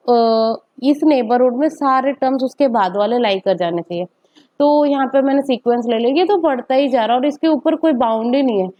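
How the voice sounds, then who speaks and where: A woman's voice: high-pitched, highs cut off. A woman teacher gives a step-by-step maths lecture, often asking rhetorical questions and checking in with "okay".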